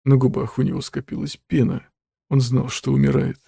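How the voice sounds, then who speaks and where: Gravelly, dark male narrator. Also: medium pitch, dry recording, studio quality. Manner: measured, even storytelling. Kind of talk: audiobook narration.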